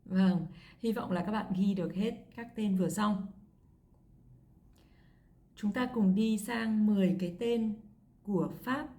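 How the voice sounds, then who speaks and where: A woman's voice: medium pitch, unhurried, long pauses, dark tone. A woman teaching French pronunciation, spelling names letter by letter in a careful dictation lesson. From Vietnam.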